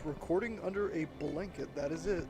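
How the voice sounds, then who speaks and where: A man recording his casual gameplay commentary from under a blanket at home, rambling and halting with many fillers. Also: fairly high pitch, over music. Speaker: let's play gamer.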